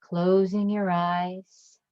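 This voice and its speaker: This guided meditation is led by a woman whose voice is low and smooth, her tone calm and soothing. She keeps a very slow, level pace, leaving long pauses between soft phrases, and the recording has a slightly dull quality.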